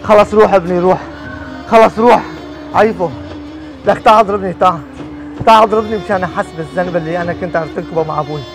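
A man's voice: high voice, racing, faint music behind, low-quality recording. A man playing an aging father in a street drama, speaking in an emotional, pleading way. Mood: anguished. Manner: emotional, pleading, rising to shouts. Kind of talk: amateur street drama acting.

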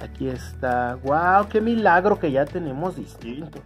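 A fairly high, lively voice, a bit slow, belongs to a man casually unboxing toys for an audience. He exclaims with delight and favors adorable diminutives, all over background music.

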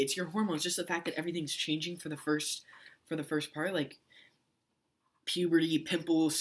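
A man's voice: a little high, fairly bright tone. A young man talking casually to camera in a vlog, rambling with restarts and fillers. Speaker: vlogger.

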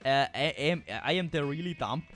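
A man's voice: fairly high pitch, animated, normal speed, fairly bright tone, soft background music. A young man hosting a casual game video, rambling and talking to himself with many fillers. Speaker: gaming video host. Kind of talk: casual let's play commentary.

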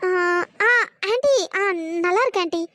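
A shy young woman in a cartoon, stammering and dodging a question, as a performer voices her. Her voice is squeaky and very high. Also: expressive, moderate pace, fairly bright tone. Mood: flustered, teasing. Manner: hesitant, stammering.

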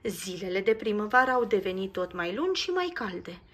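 A woman reading a children's storybook aloud in a lively, expressive way. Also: medium pitch. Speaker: narrator. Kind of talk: storybook read-aloud narration.

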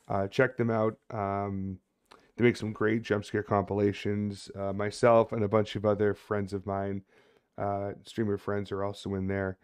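A man in his thirties with a fairly low voice, streaming a horror game. He chats casually to his viewers and swears freely as he plays. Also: monotone, measured pace, clear, resonant tone. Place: indoor room at a streaming desk.

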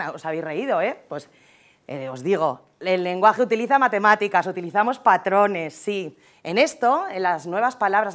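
A woman with a Spain Spanish accent giving a humorous conference talk, chatty and joking, often tagging her sentences with a quick question to the audience. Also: fairly low pitch. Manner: chatty, jokey, keeps tagging lines with "¿eh?". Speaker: conference speaker.

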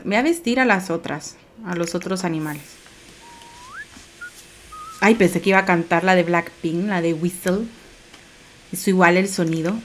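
A woman giving casual let's play commentary, talking to herself and her viewers, rambling and breaking into high squeals over cute things. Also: a bit bright, a little hiss or hum. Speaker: game streamer.

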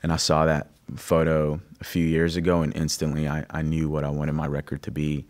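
A man in his thirties, born in Greece, speaking reflectively with halting restarts as a musician guest interviewed in a recording studio. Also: very deep voice, completely flat delivery, a little mellow. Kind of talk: conversational interview. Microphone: studio condenser mic on stand.

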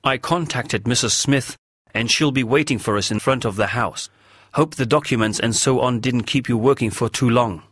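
A man reading aloud and voicing a courteous, eager younger man, a bit higher than his own voice. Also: moderate pace, a bit bright, slightly rough, no room sound, studio quality.

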